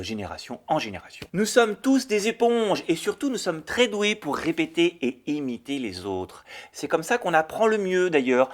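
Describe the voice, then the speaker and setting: A man hosting a children's educational show, explaining things in a playful, animated way. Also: a little high. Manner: animated, sing-song and playful. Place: home.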